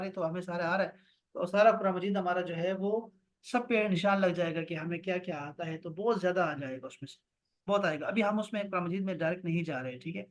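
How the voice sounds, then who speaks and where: A man teaching an online Arabic grammar class over a video call, explaining and slowly repeating words for his students. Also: high voice, fairly bright tone.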